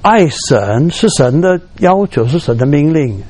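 A middle-aged man preaching a sermon, telling stories in an animated way, scattering English fillers through his speech, his voice leaping up when he acts out strong feelings. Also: unhurried. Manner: animated storytelling, voice jumps high when acting out emotion.

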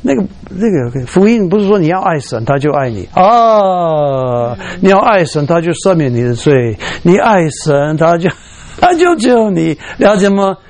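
Animated middle-aged male preacher. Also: a little slow. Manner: animated storytelling, voice jumps high when acting out emotion; mixes English fillers like "OK" into speech. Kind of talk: sermon.

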